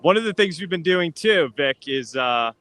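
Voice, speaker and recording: Bright-voiced male host, loose rambling street chat. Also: fairly high pitch, lively intonation, moderate pace, poor audio. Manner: loose, rambling, many fillers and restarts. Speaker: podcast host. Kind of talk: casual livestream chat. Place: outdoors on a street, coffee stand.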